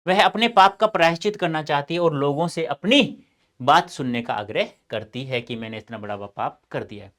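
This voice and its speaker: A man teaching a Hindi exam lecture to students, explaining and mixing in lively, fatherly advice. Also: on the high side, moderate pace. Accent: North Indian Hindi. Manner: addresses students as beta, lively asides and advice.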